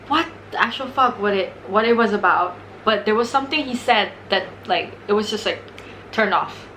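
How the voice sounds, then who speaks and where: A woman's voice: on the high side, a bit bright, a little hiss or hum, rough recording. A young woman chatting casually and candidly as a mukbang host, giggly and swearing freely. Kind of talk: casual real-talk chat over a meal.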